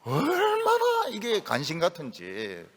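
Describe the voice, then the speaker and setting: A man preaching a sermon as a pastor, animated, folksy and humorous. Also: high-pitched, slow pace, husky, big-room sound.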